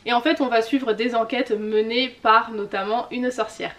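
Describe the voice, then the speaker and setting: A woman's voice: a little high, fairly even intonation, moderate pace, fairly bright tone. A woman presenting her autumn reading list as a video host, listing themes and titles in a casual, chatty way, her voice trailing off at the end of each list. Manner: lists keywords in a trailing tone. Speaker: booktuber.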